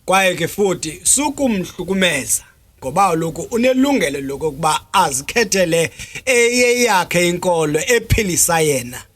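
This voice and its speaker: A man with a Xhosa accent from South Africa, explaining things deliberately as an interview guest, with frequent hesitation sounds. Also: high voice, big pitch swings, a bit bright. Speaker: traditional healer interview guest.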